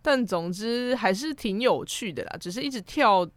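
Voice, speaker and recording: A woman's voice: a little high, animated, normal speed, no echo. A young adult woman with a Taiwanese Mandarin accent, co-hosting a podcast in casual chat. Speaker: podcast co-host. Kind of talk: casual chat about anime and pop culture.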